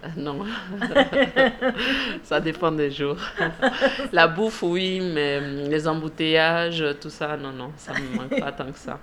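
Crowd noise surrounds a woman in her thirties from Ivory Coast, a shop manager, as she answers radio interview questions hesitantly with lots of fillers and laughs. She speaks slowly in a low, animated voice.

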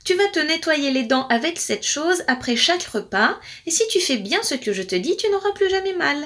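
Une conteuse qui joue une fée grincheuse. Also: female voice, high voice, animated, normal speed, fairly bright tone, voice pushed up. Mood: scolding. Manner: scolding, exasperated. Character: sleepy, grumpy fairy, old and irritable.

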